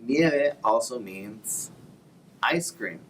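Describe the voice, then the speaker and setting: A man's voice: medium pitch, animated, very slow. A man giving a simple Spanish vocabulary lesson, teaching a word of the week. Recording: distant mic with loud background noise.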